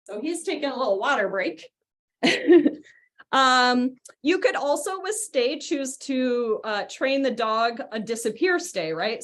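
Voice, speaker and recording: A young woman with a high voice leads a live online dog training session. She explains each step in a friendly, chatty way and giggles often. Her voice comes through a video call. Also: a bit bright. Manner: chatty, giggly, gives short cues to a dog.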